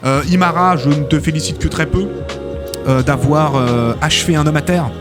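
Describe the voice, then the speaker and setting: A man casting a live esports tournament as host, excitable and chatty, full of filler interjections. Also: a little high, moderate pace. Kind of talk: live game commentary. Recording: game music behind the voice. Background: game music.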